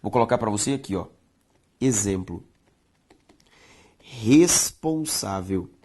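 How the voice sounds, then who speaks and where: A Brazilian Portuguese-accented woman gives an online grammar lesson. Her voice is expressive and full of pitch movement, and she lingers on stressed words while addressing her students directly. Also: moderate pace, slightly rough. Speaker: teacher.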